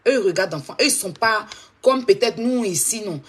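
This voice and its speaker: A woman's voice: medium pitch, animated, a little fast, a bit bright, breathy edge. A woman hosting a live stream, talking straight to her viewers and repeating her points insistently.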